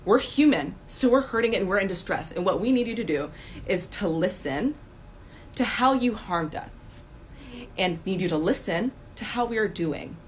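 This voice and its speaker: A woman's voice: medium pitch, lively intonation, moderate pace, slight background noise. A woman giving a blunt, emphatic rant straight to the camera, scolding her listeners. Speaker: commentator.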